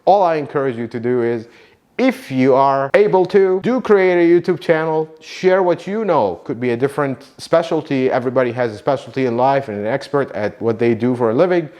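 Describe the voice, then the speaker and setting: In a muffled recording, a man from Iraq speaks fairly quickly as he gives heartfelt thanks to viewers. He's a native Arabic speaker, a car mechanic, and a YouTube channel host, sounding earnest and warm with lively pitch swings.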